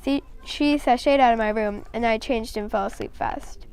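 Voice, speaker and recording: A woman reads a first-person children's story aloud, plain and unhurried, stumbling now and then on a word. Her voice sits slightly high and sounds very smooth and clean. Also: a little mellow. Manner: plain storytelling, occasional slips and restarts.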